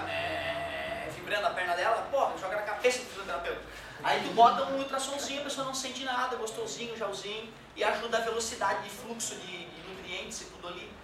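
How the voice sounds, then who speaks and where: A man's voice: very high-pitched, sharp tone, a little hiss or hum. A man teaching a classroom lecture in a joking, colloquial way, dropping swear words and acting out quoted voices. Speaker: physics teacher. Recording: very echoey room, mic far off.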